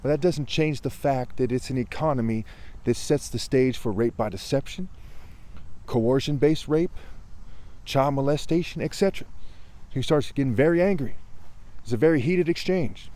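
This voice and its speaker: A man narrates a parable off the cuff, earnest and rambling, pushing his voice up as the telling turns heated. His tone is dark and mellow and sits at a middling pitch. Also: moderate pace. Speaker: storyteller.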